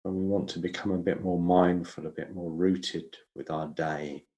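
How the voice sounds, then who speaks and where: Low-voiced man guiding slow breath counting meditation. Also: fairly even intonation, dark tone, muffled recording. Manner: slow, measured, instructional delivery with pauses. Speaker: meditation teacher.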